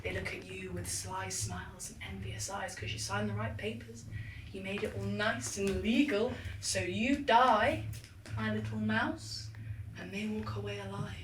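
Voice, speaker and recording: A woman's voice: on the high side, moderate pace, far from the mic, lightly acted. A woman playing a menacing goddess who haunts dreams in a theatrical drama, taunting and commanding as if chanting a spell. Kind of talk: theatrical stage acting. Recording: echoey hall from afar, faint noise.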